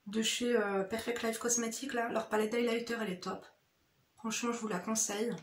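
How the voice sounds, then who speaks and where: This woman talks fairly quickly in a slightly high voice with fairly even intonation, a bit of hiss or hum underneath. As a beauty vlogger, she chats casually through her makeup, slangy and familiar with viewers and repeatedly adding "hein," in a roomy, echoey indoor recording.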